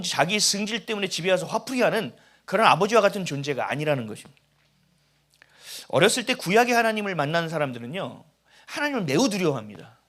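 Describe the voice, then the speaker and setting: Man, pastor, sermon, high voice, very lively pitch, conversational storytelling.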